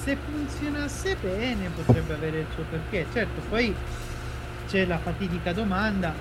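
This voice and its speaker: A man's voice: sits high, lively intonation, unhurried, heavy background noise. An Italian man giving casual commentary as part of a panel. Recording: prominent music behind the voice.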